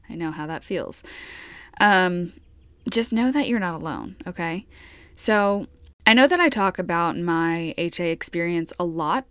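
An American woman with a slightly low voice talks casually as a solo podcast host. She speaks straight to her listeners in a chatty, conversational way. The sound is dry and close, recorded inside a small parked RV. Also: no echo. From New York, United States.

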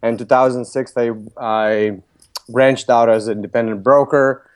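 A Lithuanian man in his thirties, a real estate broker with a Lithuanian accent, answers questions as a podcast guest in a matter-of-fact, businesslike way. His voice is medium-pitched and clean, at normal speed with fairly even intonation.

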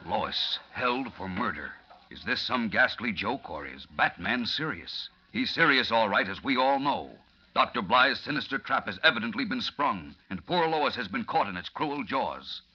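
A man's voice: medium pitch, very animated, moderate pace, pushed and bright, slightly rough. An American man narrating a 1940s radio serial as an old-time announcer, with a theatrical, urgent, suspense-building delivery. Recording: dull, lo-fi vintage radio recording.

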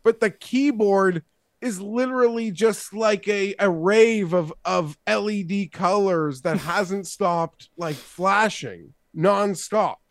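A man's voice: high-pitched, slow pace, no room sound. A man co-hosting a casual podcast chat, rambling and a little defensive. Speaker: co-host.

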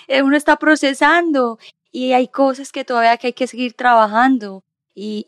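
A woman's voice: mid-range voice, no echo, studio quality. A woman hosting a casual conversation, speaking reflectively and slipping English fillers into her Spanish.

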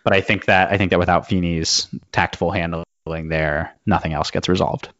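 Man podcast co-host, very low voice, thoughtful halting delivery, dry dull recording. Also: steady tone, a bit bright, no echo. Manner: thoughtful, halting, repeats words. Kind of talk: casual podcast chat.

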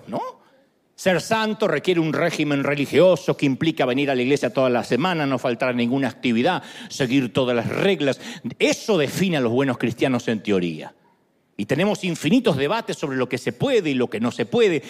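A man preaching a sermon, joking and acting out little dialogues. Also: on the high side. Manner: animated, jokes, acts out dialogues. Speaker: pastor. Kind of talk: sermon with humorous stories.

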